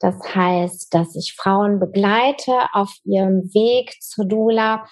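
Woman explaining calmly, many pauses. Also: mid-range voice. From Germany. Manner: thoughtful, many fillers and restarts. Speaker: interview guest, doula trainer. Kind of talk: casual interview talk.

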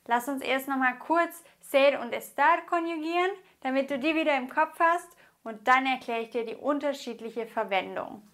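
A woman from Germany teaching a grammar lesson as a Spanish teacher, explaining slowly and deliberately and spelling out each example. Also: sits high, a bit bright.

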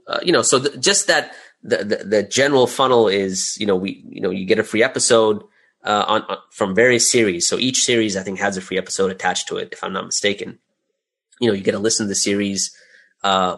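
This man, a guest being interviewed, creates audio dramas and runs a business, which he explains in a casual way. His fairly low voice is steady, brisk and fairly bright, and he often repeats words while gathering his thoughts.

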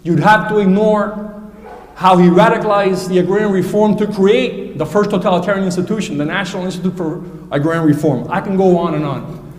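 A man giving formal, pointed remarks as a speaker in a debate, measured and academic in tone. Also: high-pitched, a little mellow. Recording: echoey hall, distant mic.

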